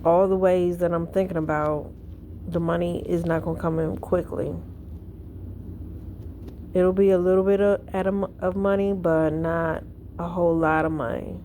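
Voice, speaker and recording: A woman's voice: fairly low pitch, fairly even intonation, moderate pace, mellow, slight background noise. A woman vlogging from home in casual chat, tired and yawning, telling a rambling story. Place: at home indoors.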